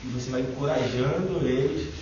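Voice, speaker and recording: A man's voice: mid-range voice, normal speed, mellow, slight background noise. A middle-aged man with a Brazilian Portuguese accent sharing a rambling, informal testimony at a Bible study, full of fillers. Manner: chatty, rambling, fillers like "né" and "e tal". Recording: echoey, distant, dull lo-fi room recording.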